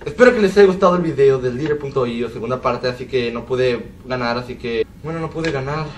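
A man's voice: mid-range voice, a little fast. A young man with a Mexican accent giving rambling, joking commentary while playing a video game and exclaiming at it. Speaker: gaming video creator. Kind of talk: casual gameplay commentary. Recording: distant mic with faint background noise.

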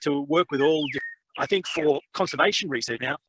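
A conservation researcher gives a webinar talk from a remote outdoor field site, his video call audio choppy and breaking up. He speaks haltingly and apologetically, restarting through the dropouts. His voice is on the high side, heard over music in poor audio.

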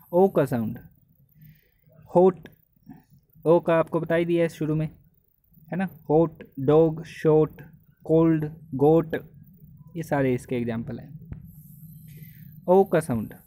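Man teaching slowly, dark voice. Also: on the high side. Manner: explains step by step, checks that students follow; reads example words out one by one. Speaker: exam coaching teacher. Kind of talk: classroom lecture.

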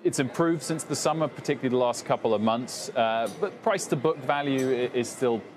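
A man's voice: medium pitch, fairly quick, noisy background. A man anchoring a business news interview, asking long, conversational questions on a lapel mic in a TV studio. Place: TV studio on a trading floor.

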